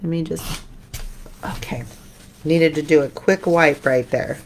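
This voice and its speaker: Lady doing a live paint demo, slow easygoing talk, answers comments, mumbles when she focuses. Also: low voice, a little hiss or hum. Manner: chatty, answers viewer comments while painting; drifts into soft mutters when concentrating. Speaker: painting tutorial host.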